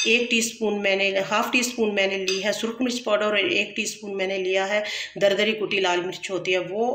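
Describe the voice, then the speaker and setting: A woman's voice: medium pitch, a bit bright, a little hiss or hum. A woman hosting a cooking tutorial from her home kitchen, explaining each step patiently and often adding blessings. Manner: patient instructive, frequent blessings and self-corrections. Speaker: cooking channel host. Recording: echoey kitchen.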